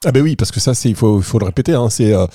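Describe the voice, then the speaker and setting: A man's voice: medium pitch, expressive, racing, dark tone, dry recording. A man hosting a radio health show, introducing the segments and putting questions to his guest in an informal, conversational way.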